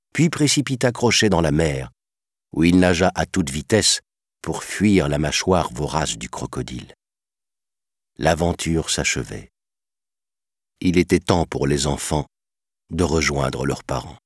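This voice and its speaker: A man narrating a children's storybook in an expressive, measured way. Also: rumbling low, husky, no echo, studio quality. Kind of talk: storybook reading.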